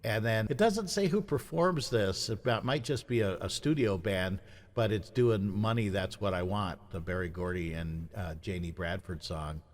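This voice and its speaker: A man's voice: lowish voice, normal speed. A man co-hosting a podcast, chatting casually about movie soundtracks and rattling off songs and their writers. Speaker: podcast co-host.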